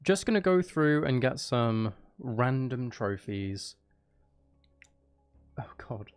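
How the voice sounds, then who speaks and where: Slow and sing-song, with a clean tone and medium pitch, a man chats casually during his game livestream. He's a streamer and audiobook narrator whose commentary drifts into self-deprecating rambles.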